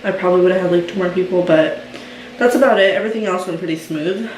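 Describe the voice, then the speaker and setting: A woman's voice: fairly low pitch, quick pace, darkish tone, slight background noise. A young woman talking casually as a mom vlogger, chatty and filling her talk with "um" and "like". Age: young adult. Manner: chatty, many fillers and "like". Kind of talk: casual chat. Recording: roomy sound from a distance.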